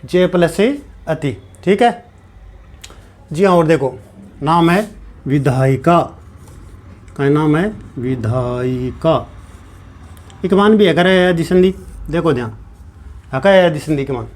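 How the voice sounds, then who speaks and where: A man's voice: fairly high pitch, unhurried, long pauses. A man teaching a grammar lesson, repeating each step and answering his own questions. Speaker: Sanskrit teacher.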